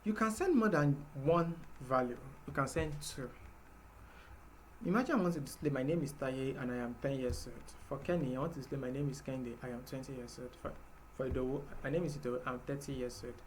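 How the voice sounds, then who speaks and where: A programming instructor with a mid-range voice teaches a live class, speaking fairly quickly as he patiently walks through each step with filler words. There's slight background noise.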